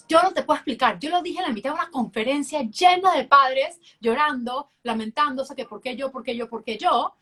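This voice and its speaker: A woman's voice: fairly high pitch, pushed and bright, husky. A middle-aged woman co-hosting a casual podcast, telling a personal story with emphasis and acting out what people said. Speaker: podcast co-host.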